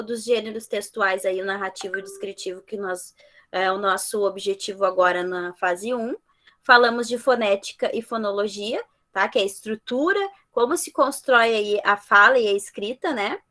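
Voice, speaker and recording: A woman's voice: a little high, moderate pace, pushed and bright. A woman teacher giving an online class lecture over a video call, often ending phrases with "tá?" and "né?" to check in with students. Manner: ends phrases with frequent "tá?" and "né?" checks.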